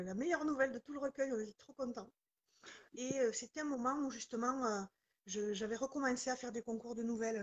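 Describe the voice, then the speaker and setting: Husky southwestern French woman. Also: a little high. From southwest France, near Toulouse. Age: 40s. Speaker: guest author. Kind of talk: live-stream interview chat.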